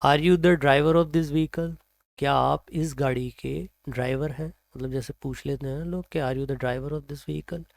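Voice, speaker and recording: A man with an Indian accent teaching English pronunciation, reading example sentences slowly and then explaining them. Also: medium pitch, steady tone, vocal fry, no room sound, clean studio sound. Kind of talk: slow explanatory lesson, mixing Hindi and English.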